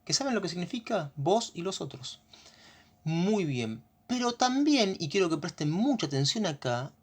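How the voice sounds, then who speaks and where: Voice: medium pitch, big pitch swings, normal speed, husky. Patient Argentine-accented Spanish teacher. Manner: patient, keeps checking understanding with short questions. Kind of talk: grammar lesson.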